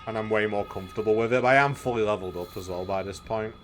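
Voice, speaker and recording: A man's voice: lowish voice, fast talker, very noisy. A man streaming a game, chatting casually and thinking aloud, sometimes reading guide text under his breath. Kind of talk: casual gameplay commentary.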